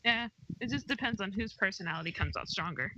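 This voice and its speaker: A co-host in a casual fan discussion, chatty and quick to agree. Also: mid-range voice, animated. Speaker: podcast co-host. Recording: dull lo-fi recording with clear hiss.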